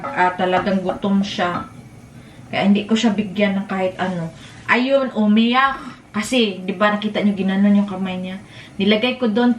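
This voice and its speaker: A woman in her thirties with a Filipino accent, chatting casually to viewers while cooking at home and breaking off to hush her toddler. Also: mid-range voice, a little hiss or hum. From Philippines. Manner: switches between chatting to viewers and scolding a toddler. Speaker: vlogger and mother. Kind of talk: casual cooking vlog chat. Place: home kitchen. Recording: echoey room from a distance.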